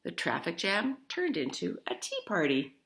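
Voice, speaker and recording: A woman with a lowish voice reads a children's picture book expressively at a moderate pace. She is animated and talks to her young listeners as she goes, asking them questions.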